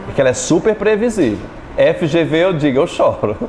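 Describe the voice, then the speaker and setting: A man with a Brazilian Portuguese accent teaching an exam-prep lesson, chatty and joking, stretching words out slowly as he splits syllables. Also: on the high side, very animated, darkish tone, a little hiss or hum. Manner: chatty, jokes with students, spells words out slowly.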